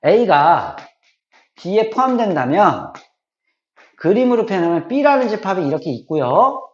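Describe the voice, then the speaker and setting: A man's voice: high voice, very animated, slow, dull audio. A middle-aged man teaching a math class, repeating key points and often checking that students follow.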